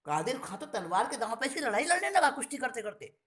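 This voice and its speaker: A woman's voice: on the high side, very animated, fast talker, fairly bright tone, reverberant. A woman voicing an indignant young villager. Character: young villager, angry about treachery.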